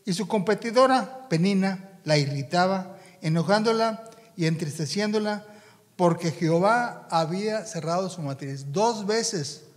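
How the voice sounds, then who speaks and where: A man preaching a sermon, halting and repeating his words as he speaks to his congregation. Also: high voice, big-room sound.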